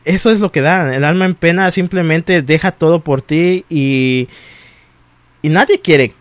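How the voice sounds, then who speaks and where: A man talks in an easy, animated way, laughing often and acting out quoted voices. His voice sits a little high for a man. The recording is close and dry, with no room echo. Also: a little slow. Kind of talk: casual chat about exes.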